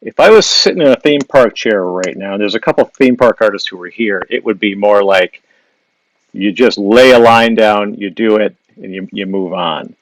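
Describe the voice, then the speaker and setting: In a relaxed live-stream session, a Wisconsin-accented illustrator from that state demonstrates drawing, musing aloud over his sketch amid many fillers and restarts and answering what viewers ask. His pitch is fairly low and his speed normal. The recording from his device mic is rough.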